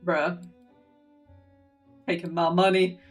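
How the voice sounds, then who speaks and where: A woman streamer reads a game's narration and dialogue aloud, dropping in casual joking remarks. Her voice sits a little low and sounds slightly distant from the mic. Faint game music plays behind her. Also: little pitch movement, slow pace. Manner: reads narration aloud, breaks into laughing asides. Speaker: streamer reading a game story. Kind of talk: game reading and reaction.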